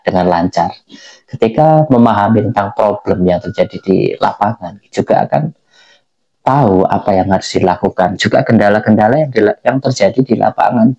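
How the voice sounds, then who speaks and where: A man giving unscripted political commentary in a halting way, repeating phrases for emphasis. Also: fairly low pitch, dark tone, muffled recording. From Indonesia. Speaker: commentator giving personal opinion.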